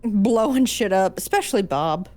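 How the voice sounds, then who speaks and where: A woman's voice: medium pitch, lively intonation, moderate pace, darkish tone. A woman co-hosting a game stream, teasing the player, laughing often and swearing freely. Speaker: co-host. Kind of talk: casual chat.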